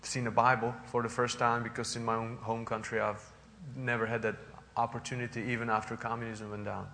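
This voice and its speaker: A man's voice: medium pitch, level tone, a little fast, bright, forceful tone, long reverb tail, a little hiss or hum. A man from the Czech Republic with a Czech accent, a visiting missionary addressing a church congregation earnestly, with many fillers and restarts.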